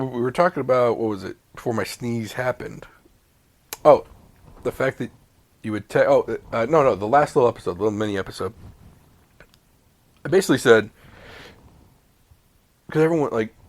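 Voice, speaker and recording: A man in his mid-forties co-hosting a casual podcast chat, talking in animated bursts, cursing freely and restarting his sentences as he rambles. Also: medium pitch, moderate pace, pauses often. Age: 40s. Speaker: podcast co-host. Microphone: home podcast mic with mute button.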